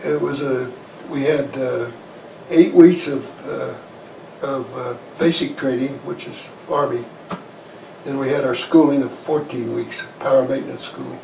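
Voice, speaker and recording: Gravelly elderly man, halting and folksy. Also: mid-range voice, fairly even intonation, mellow. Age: 80s. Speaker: Korean War veteran being interviewed. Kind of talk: conversational oral-history recollection. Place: small living room, indoors, in armchair. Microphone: lavalier clipped to shirt. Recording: roomy, distant sound with faint noise.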